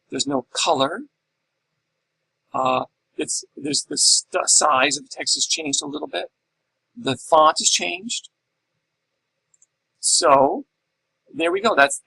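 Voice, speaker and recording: A man's voice: high-pitched, gravelly, pushed and bright, a little hiss or hum, rough recording. A middle-aged man teaching a class in a recorded lecture, explaining step by step and asking and answering his own questions. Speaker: instructor.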